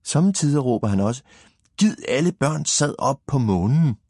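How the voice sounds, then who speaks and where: A man voicing a proud, know-it-all little girl in a storybook reading, explaining with a husky voice. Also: medium pitch, expressive, darkish tone, no echo, studio quality, voice pushed up.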